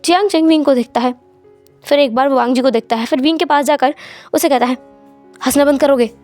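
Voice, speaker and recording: A woman narrating a fanfiction story in a lively, expressive storytelling manner. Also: high-pitched, fast, faint music behind.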